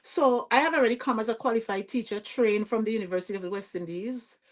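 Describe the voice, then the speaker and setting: A woman with a Vincentian accent, a podcast guest telling her story in a lively, chatty way and often checking in with "you see what I'm saying?". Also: fairly high pitch, fast talker. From Saint Vincent and the Grenadines. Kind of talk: conversational storytelling interview.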